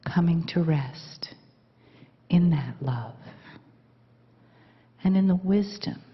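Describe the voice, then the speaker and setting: A woman guides a meditation very slowly in a low, soft half-whisper, soothing and breathy. The sound is muffled and rings through a large hall. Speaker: meditation leader. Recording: dull recording in reverberant hall.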